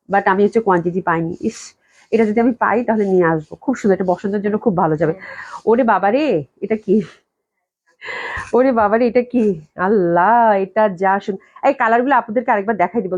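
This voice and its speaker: A woman's voice: a little high, muffled recording. A woman hosting a live online sale of dresses from her office, gushing with enthusiasm and repeating her praise, while she recovers from a cold and keeps coughing. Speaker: clothing shop owner selling dresses live. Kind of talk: live online sales stream. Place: indoors at the company office.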